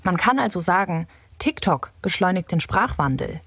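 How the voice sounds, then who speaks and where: A woman reporter reading a scripted radio feature in a measured, explanatory way. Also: fairly low pitch, expressive, a bit bright, breathy edge, no room sound, studio quality.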